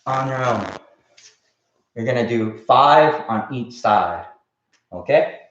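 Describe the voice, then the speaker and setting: A male jiu-jitsu coach with a medium-pitched voice teaches a kids' class in a roomy, slightly muffled recording. He explains in plain, casual language with quick check-ins, and calls drills as sharp, clipped martial arts commands. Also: lively intonation, a little hiss or hum.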